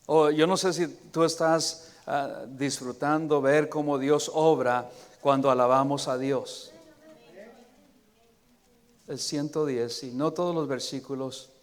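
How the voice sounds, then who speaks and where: A man delivers a sermon from the pulpit, pressing his listeners with emphatic calls and then sinking into hushed prayer. He speaks slowly and deliberately in a somewhat high voice. A long church reverb trails after every phrase. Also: steady tone. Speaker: pastor. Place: church sanctuary.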